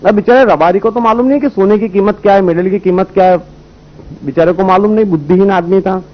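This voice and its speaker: A man with a high voice gives a spiritual talk, explaining his points through folk stories and rhetorical questions. The sound is dull and lo-fi, like an old recording. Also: fast talker. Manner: storytelling, rhetorical questions, voices characters in anecdotes. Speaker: spiritual speaker. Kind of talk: spiritual discourse with parables.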